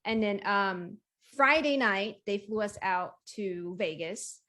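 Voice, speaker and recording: A woman who works as a wrestling ring announcer and commentator appears as an interview guest, casually telling her own story in an easygoing, conversational way. She smiles and laughs often, speaking slowly at a medium pitch in a pushed, bright voice.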